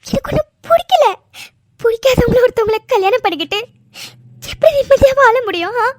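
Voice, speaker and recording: A woman's voice: very high-pitched, animated, a little fast, no echo. A woman voicing a young cartoon bride who insistently pleads, often near tears, to call off her wedding. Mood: tearful. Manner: insistent, exasperated, tearful pleading. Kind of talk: cartoon voice acting.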